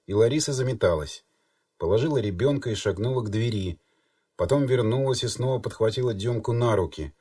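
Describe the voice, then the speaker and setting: A man reading an audiobook in measured, even storytelling narration. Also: medium pitch, dry recording, studio quality, distant mic. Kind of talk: scripted narration.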